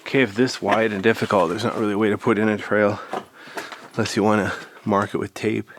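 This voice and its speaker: Male cave guide, lowish voice, casual and instructive on-the-move vlog narration, some background noise. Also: flat delivery, a little fast. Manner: laid-back, instructive cave-guide talk. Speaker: caver guiding viewers through a cave. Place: inside a large cave. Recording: clear noise, clicks, inside a cave.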